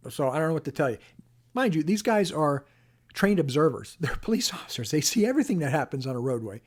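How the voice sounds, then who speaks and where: A slightly high-voiced man tells a story to camera in a relaxed, chatty way. He is animated and talks straight to the viewer, like a former officer recounting a call. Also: quick pace, breathy edge. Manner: animated, acts out quoted voices with sharp rises in pitch; conversational, addresses the viewer directly. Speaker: former police officer telling a personal story. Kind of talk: casual first-person storytelling to camera.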